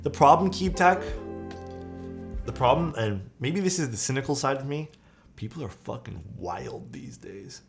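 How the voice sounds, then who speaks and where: Man in his thirties, livestream chat, rambling and venting, medium pitch, faint music behind. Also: animated, normal speed, creaky. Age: 30s. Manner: rambling, venting, frequent fillers and swearing. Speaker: keyboard-building streamer. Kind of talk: casual livestream chat reading viewer comments.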